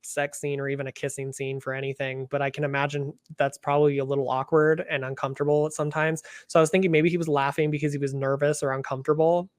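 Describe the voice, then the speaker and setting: A man co-hosting a podcast in casual chat, talking fast with lots of fillers and quoting others in little acted voices. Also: a little high, level tone, clear, resonant tone, no room sound. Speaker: podcast co-host.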